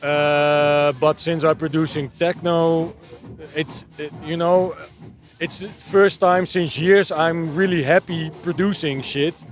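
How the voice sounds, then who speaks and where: A man's voice: fairly high pitch, fairly even intonation, slow pace, soft background music. A Dutch man with a Dutch accent, a techno DJ and producer answering interview questions in a hesitant way with many restarts. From Netherlands. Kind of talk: casual interview.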